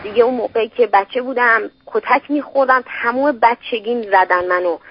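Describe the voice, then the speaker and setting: A woman in her twenties calling in to an advice radio show, telling her story in a distressed, halting way with many restarts. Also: fairly high pitch, slightly rough. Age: 20s. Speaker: caller. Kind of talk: call-in phone conversation. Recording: tinny phone line on the radio.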